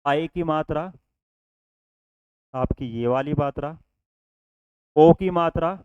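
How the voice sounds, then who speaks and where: A man with a slightly raised, smooth voice teaches a Hindi lesson step by step. He keeps quizzing his students and answering his own questions. The sound is dry and close but a little dull and lo-fi. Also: a little high, slow, a little mellow, no echo. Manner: explains step by step, often asks the class questions and answers them himself; addresses students as children, repeats "ठीक है". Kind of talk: online exam-prep lesson.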